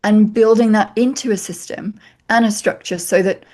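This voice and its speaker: Woman author guest, talks it through slow and thoughtful, stacks up her points. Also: mid-range voice, steady tone, a little mellow. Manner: measured, reflective, builds points in lists. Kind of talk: thoughtful interview answers.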